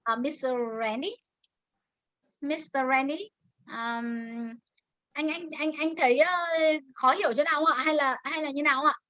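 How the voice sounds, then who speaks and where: High bright teacher woman. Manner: mixes Vietnamese and English, drills words slowly. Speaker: English teacher. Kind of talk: online grammar class.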